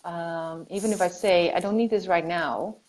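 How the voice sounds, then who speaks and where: Chatty woman, low voice. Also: normal speed, a little mellow, poor audio. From Netherlands. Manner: chatty, restarts sentences often. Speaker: host. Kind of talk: casual live-stream conversation.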